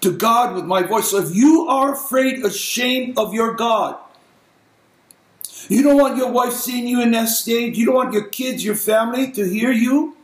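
A man's voice: extremely high pitch, unhurried, roomy sound, rough recording. A middle-aged male pastor preaching an impassioned, emphatic sermon.

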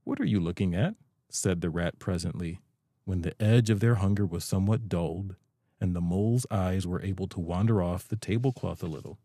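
Deep calm guy reading a bedtime story, warm tone, dry close mic. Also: fairly quick, dry recording. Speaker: audiobook narrator.

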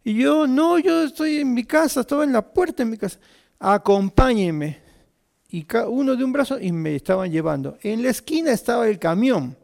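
A man, telling a personal story to an audience in an animated way and putting questions to his listeners. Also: high voice, creaky. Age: 50s. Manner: lively, asks the audience questions, swings from quiet asides to loud peaks.

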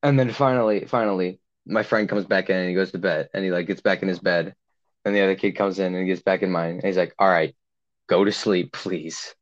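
A young man spins a long camp story in a loose, rambling way, filling every gap with "like" and slipping into the voices of the people in it. His voice sits low, and the recording sounds a little dull and lo-fi. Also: steady tone, fast talker. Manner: rambling, heavy use of "like", acts out quotes. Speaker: podcast co-host. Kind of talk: casual storytelling chat.

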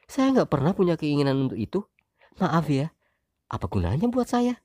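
A woman voicing a sharp-tongued young wife in an audio story, shrill and sarcastic as she argues with her husband. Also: very animated, normal speed, no echo, clean studio sound. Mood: indignant. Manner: shrill, sarcastic, rising indignation.

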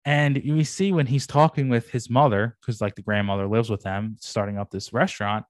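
Excitable young guy, dry close sound. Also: mid-range voice, brisk, no echo. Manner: animated, slangy, swears casually. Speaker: podcast co-host. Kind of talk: casual chat reviewing anime.

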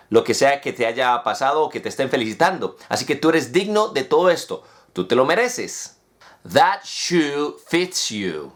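A man teaching English in an upbeat, explanatory way, saying the example phrases slowly and carefully. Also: fairly high pitch. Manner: upbeat, explanatory, with lively greetings. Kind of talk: online language lesson.

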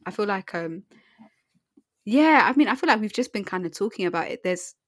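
A woman's voice: medium pitch, lively intonation, fairly quick, dry recording, studio quality. A young woman co-hosting a podcast in slangy, playful banter, often repeating phrases for emphasis. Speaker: podcast co-host.

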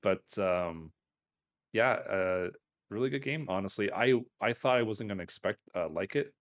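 A man's voice: lowish voice, expressive, moderate pace. A man co-hosting a podcast, chatting casually about games and anime, rambling with lots of fillers and self-corrections. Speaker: podcast co-host.

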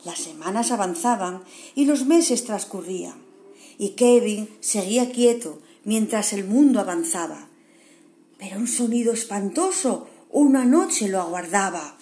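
A woman reading a rhyming children's story aloud in a gentle, expressive way. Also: mid-range voice, a little slow.

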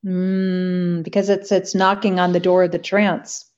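A woman interviewer asking unhurried, probing questions in a conversational interview. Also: lowish voice, flat delivery, darkish tone, lo-fi sound.

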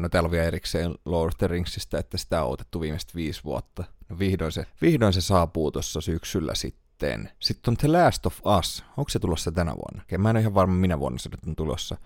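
Casting: male podcast host, very low voice, dry close sound, rambling casual delivery. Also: darkish tone, no echo. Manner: thinks aloud, browsing lists, many fillers. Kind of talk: casual solo podcast talk.

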